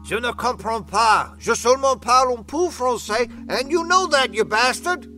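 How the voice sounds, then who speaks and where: A man voices a towering, short-tempered pianist with a gravelly Boston accent. His voice sits high and bright, with wide, restless swings in pitch. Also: lively intonation, normal speed, faint music behind, heavily acted. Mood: angry. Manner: gravelly, irritable. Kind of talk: audio drama.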